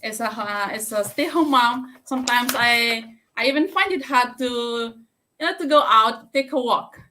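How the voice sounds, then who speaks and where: A woman's voice: a little high, moderate pace, sharp tone. A woman from Fiji speaking on a live stream from her home, talking hesitantly with many fillers and restarts.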